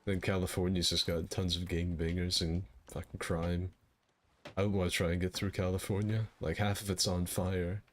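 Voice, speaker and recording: A man chatting on a call while gaming, keeping up a light put-on pirate voice. His pitch sits very deep, and his banter is crude and full of swearing. A faint hiss runs underneath. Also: flat delivery, moderate pace. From United States. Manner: crude, profane, mock-patriotic banter. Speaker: gaming co-host. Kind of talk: casual gaming chat over a voice call. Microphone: computer mic on an online call.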